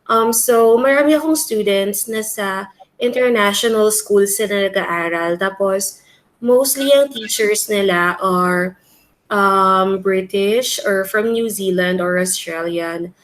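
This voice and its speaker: A woman teacher talks through what she has seen in her classroom, mixing two languages in a relaxed discussion. She thinks aloud, pausing on frequent fillers as she lays out her examples. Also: medium pitch, poor audio. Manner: thoughtful, many um fillers.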